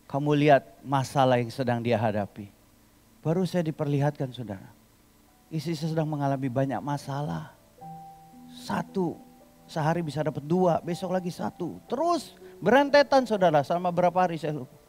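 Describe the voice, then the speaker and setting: A man pastor preaching a sermon in a church, telling a personal story, swinging from loud impassioned cries to low asides. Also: normal speed, faint music behind. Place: church sanctuary.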